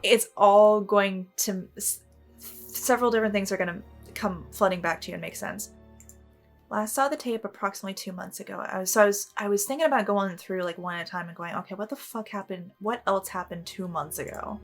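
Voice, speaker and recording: Brief: woman let's-play co-host, casual, blunt, jokey, mid pitch. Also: a little fast, soft background music. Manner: blunt, swearing, joking. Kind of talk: casual gameplay chat.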